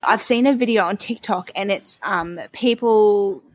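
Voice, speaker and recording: A woman's voice: medium pitch, a little slow, no room sound. A young woman co-hosting a parenting podcast, talking frankly and emphatically in a casual chat, with the odd swear word. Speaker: podcast co-host.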